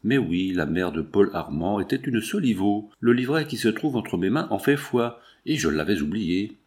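A man voicing a cunning male impostor brooding over his secret in a low inner monologue. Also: lively intonation, normal speed, darkish tone, lightly acted. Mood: anxious. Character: cunning male impostor, anxious, scheming, middle-aged.

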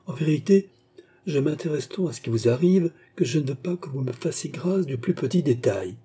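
A man voicing an eager, flattering older cardinal in an audiobook, speaking in a courtly, insistent way. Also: on the high side, fairly quick, slightly rough, pitched above the performer's own voice.

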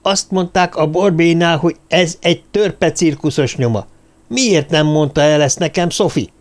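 A man reading aloud and voicing a volatile police lieutenant who presses slowly and flares into yelling. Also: on the high side, pitched above the performer's own voice, natural voice. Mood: furious. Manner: slow, pressing, bursts into yelling. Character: hot-tempered male police lieutenant, volatile.

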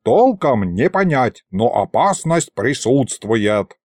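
A man's voice: mid-range voice, sing-song, takes it slowly, darkish tone, no echo, clean studio sound. A man voicing a gloomy, self-important male ghost sorcerer who talks in old-fashioned words. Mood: grumbling. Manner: self-important, archaic wording.

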